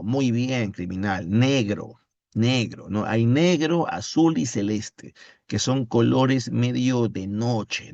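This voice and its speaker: Slow-talking male literature teacher. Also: mid-range voice, dry recording. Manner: reads poem slowly, then playful questioning. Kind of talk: online literature class with chat. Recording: dull lo-fi audio.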